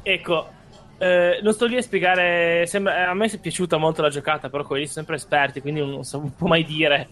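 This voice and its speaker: A man with a fairly high voice co-hosts a casual podcast. He explains things colloquially, drifting into small asides as he goes. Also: flat delivery, fairly quick, fairly bright tone. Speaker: podcast co-host. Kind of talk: casual chat.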